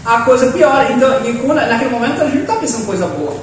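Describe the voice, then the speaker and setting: High-voiced man teaching in an echoey room. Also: rapid-fire. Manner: animated, acts out quoted dialogue. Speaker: church leadership teacher. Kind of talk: casual classroom lesson with discussion. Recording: echoey room, distant mic, faint noise.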